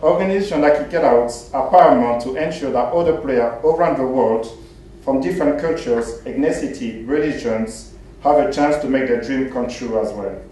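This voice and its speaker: A man from Cameroon, a former footballer, giving a measured, formal speech at an event. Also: mid-range voice, dark tone. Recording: very echoey hall, distant mic.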